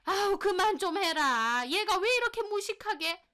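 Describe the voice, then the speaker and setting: A woman voicing a shrill, angry older mother-in-law who scolds her daughter-in-law in a high, loud voice. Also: animated, moderate pace, heavily acted. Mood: scolding.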